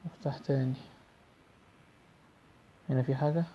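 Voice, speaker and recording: A young Egyptian man talks through a horror game in casual, jumpy commentary, muttering prayers as he goes. His voice is dark and mellow. It comes through a muffled home mic with a faint hiss underneath. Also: medium pitch, fairly even intonation, normal speed. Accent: Egyptian Arabic. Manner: jittery, screams and prays when startled. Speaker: gaming youtuber.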